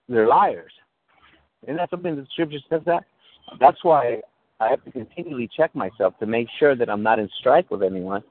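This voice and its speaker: Over a tinny, breaking-up call, a man preaches at medium pitch with no echo. As he delivers his sermon, this pastor checks in with the audience and restarts phrases.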